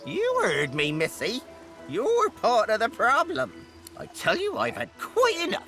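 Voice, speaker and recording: A man's voice: very high voice, huge pitch swings, a little slow, pushed and bright, faint music behind, full character voice. An actor voicing a grumpy, fussy male frog in a video game, grumbling with crotchety scorn. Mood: indignant, scornful. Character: grumpy, fussy male talking frog, indignant neighborhood complainer. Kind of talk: video game character acting.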